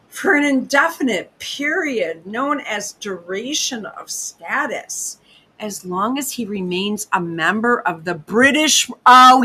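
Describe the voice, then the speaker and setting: A woman hosting a podcast, ranting in casual commentary, profane and excitable, often interrupting herself. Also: medium pitch, husky, poor audio. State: hiccuping. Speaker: podcast host.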